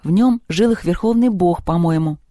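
The narrator of an audiobook voicing a studious schoolgirl who chatters in a rapid rush. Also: medium pitch, dark tone, no echo, clean studio sound, natural voice. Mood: eager.

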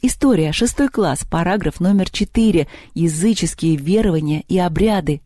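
A studious schoolgirl from a storybook, voiced by the narrator, rattling off what she remembers in a quick chatter. The voice is pitched high and mellow. The recording is close and dry. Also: no echo, natural voice. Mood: eager. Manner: rapid chattering.

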